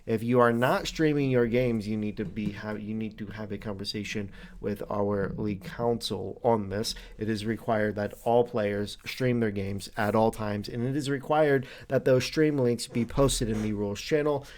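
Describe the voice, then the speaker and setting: A man hosting a weekly league show, explaining rule violations in a halting but firm way with many fillers. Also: on the low side, fairly even intonation, darkish tone. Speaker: league commissioner host. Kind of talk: casual league update talk.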